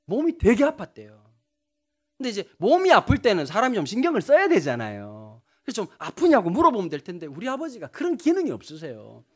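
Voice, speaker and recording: Male pastor, funny storytelling sermon, high and very animated. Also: a little fast, breathy edge. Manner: humorous anecdotal storytelling, addressing the congregation.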